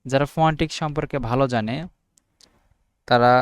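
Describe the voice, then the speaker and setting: A young Bangladeshi man talks through his notes in an unedited study video, reading English definitions out slowly, a word at a time. His voice is smooth and clear, recorded close and dry with no room sound. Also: mid-range voice, no room sound. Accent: Bangladeshi Bengali. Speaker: student making study videos. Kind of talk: informal unedited study lesson.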